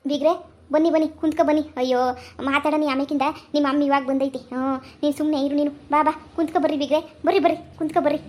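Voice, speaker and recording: A woman's voice: sits high, steady tone, fast talker, darkish tone, close to an everyday voice. A woman playing a doting village mother who soothes and reassures. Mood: comforting. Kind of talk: village comedy skit acting.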